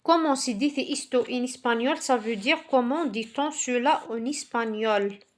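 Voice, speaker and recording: A woman teaching Spanish, reading vocabulary slowly one word at a time and explaining in French. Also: on the high side. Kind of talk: slow classroom vocabulary reading.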